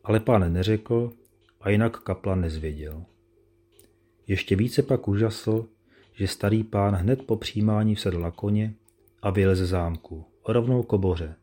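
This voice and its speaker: Male narrator, low and mellow, measured and solemn classic storytelling. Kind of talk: scripted narration of a classic tale.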